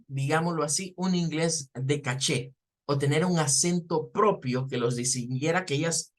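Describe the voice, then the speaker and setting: Male teacher, somewhat high voice, patient explainer who repeats words slowly for students. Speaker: English teacher. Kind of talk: online class lecture.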